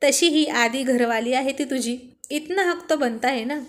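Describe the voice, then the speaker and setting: A woman's voice: high voice, a little slow. Woman voicing a coaxing young male friend. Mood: friendly. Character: cheerful young man, peacemaking friend.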